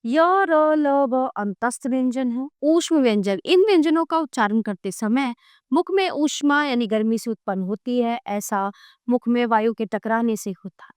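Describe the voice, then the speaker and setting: A woman narrating a grammar lesson for children, clear and measured, reading out word lists slowly. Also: fairly high pitch, a little mellow, dry recording, studio quality. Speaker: teacher.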